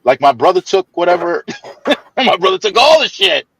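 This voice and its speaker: A man spins a story in loose, casual chat, his voice climbing and dropping all over as he laughs and trips over his own restarts. He is fairly high for a man and sounds close and dry, with no room around him. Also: moderate pace, vocal fry, breathy edge, no echo, low-quality recording. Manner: animated, laughing, stammering restarts, swings into high mimicking voices.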